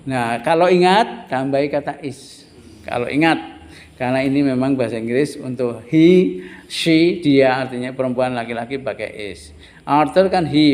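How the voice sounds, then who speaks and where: A man teaches English in a classroom, at a middle pitch. He talks patiently and says example phrases slowly so his learners can repeat them. The room gives his voice a long, ringing reverb.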